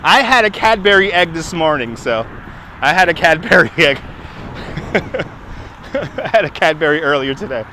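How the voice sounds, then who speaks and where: A man with a New York accent, hosting a live walking stream by the waterfront, chats with viewers, answering them and laughing quickly. His fairly high voice has lively intonation and a sharp tone. The handheld-gimbal phone picks up a little hiss or hum.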